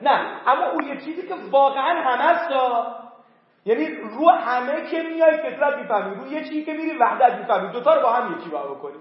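A man's voice: very high-pitched, expressive. A man teaching a philosophy class, emphatic, repeating key words again and again to drill them into his students. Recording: echoey, dull lo-fi room recording.

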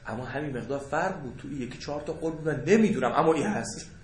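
A man's voice: on the high side, a little hiss or hum. A man teaching a seminary jurisprudence class, joking and asking rhetorical questions as he explains. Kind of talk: jurisprudence lecture to students. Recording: echoey room.

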